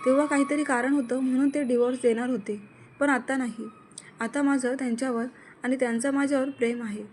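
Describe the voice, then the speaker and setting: A woman's voice: high voice, fairly even intonation, fairly quick, a little mellow, slight background noise, close to an everyday voice. A woman reading a cold, jealous young wife. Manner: cold, defiant.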